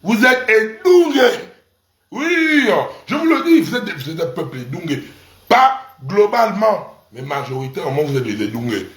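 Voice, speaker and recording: A man's voice: sits high, sing-song, moderate pace, a bit bright, roomy sound. A man delivering a crude, provocative rant that mocks his audience and repeats syllables for emphasis. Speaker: online commentator. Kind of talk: mocking rant to camera.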